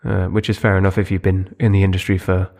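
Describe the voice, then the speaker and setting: Podcast co-host: young man, low voice, easygoing and rambling. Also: fast, vocal fry. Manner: relaxed, rambling with fillers and restarts. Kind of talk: casual chat.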